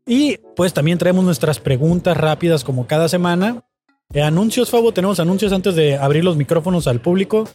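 A man's voice: high voice, expressive, fairly quick, dark tone. A man with a northern Mexican accent hosting in casual conversation. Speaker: podcast host. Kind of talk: casual chat with questions. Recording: music playing behind.

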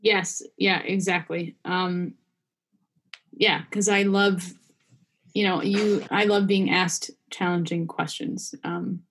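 A young woman hosting a faith podcast in a casual chat, warm-hearted and full of fillers like "um" and "you know". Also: fairly low pitch, fairly even intonation, takes it slowly. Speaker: podcast host.

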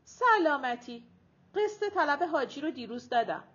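A woman's voice: high-pitched, sing-song, fairly bright tone, pitched above the performer's own voice. A woman reading an audiobook, voicing a weary, irritable middle-aged mother with clipped, grumbling remarks. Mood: strained. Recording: dull lo-fi audiobook recording.

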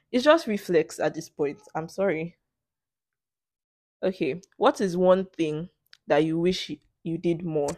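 A young woman with a Nigerian English accent and a mid-range voice hosts a casual solo podcast, answering questions in a playful, sarcastic way and laughing often. The recording is dry and studio quality.

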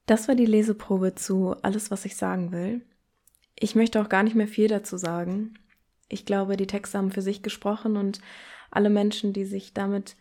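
Young woman podcast host, soft dark mellow tone, earnest calm reading of poems and book chat. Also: medium pitch. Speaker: podcast host presenting books.

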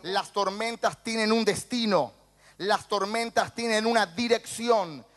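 A male pastor with a Rioplatense Spanish accent, preaching a sermon with passion and rising to shouts. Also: high voice, measured pace. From Argentina.

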